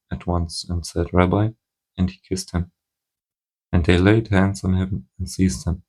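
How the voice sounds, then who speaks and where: A man reading scripture aloud at a steady pace, now and then stumbling and restarting a word. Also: deep voice. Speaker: Bible reader.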